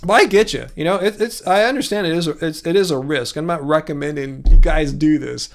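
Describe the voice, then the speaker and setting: Hosting a livestream, this man has a slightly high, brisk voice. He chats casually and rambles while reading and answering viewer comments, often restarting sentences and chuckling.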